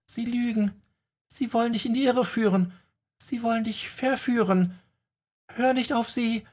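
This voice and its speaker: A man voicing a frightened young woman who whispers urgent warnings in a high, hushed voice. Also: measured pace.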